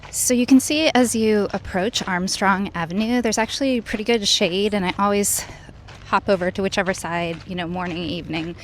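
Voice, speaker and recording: Woman, casual running vlogger, conversational mid-range voice, recorded with clear outdoor ambience and traffic noise behind her. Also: medium pitch, normal speed, poor audio. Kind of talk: casual vlog narration of a run.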